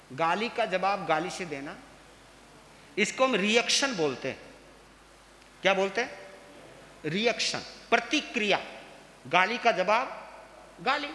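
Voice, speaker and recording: A high, bright male voice delivers an unhurried sermon, leaning on repeated phrases and rhetorical questions. He sounds like a monk addressing a gathering. The sound rings through a large hall with a long tail and a faint hiss underneath. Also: sing-song. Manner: slow, emphatic, repeats phrases and asks the listeners questions. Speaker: Jain monk preaching.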